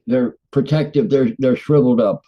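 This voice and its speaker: A man's voice: mid-range voice, fairly even intonation, normal speed. An older man co-hosting a casual talk show, plainspoken, often repeating words as he searches for them. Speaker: regular co-host. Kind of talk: casual conversation. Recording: dull lo-fi sound.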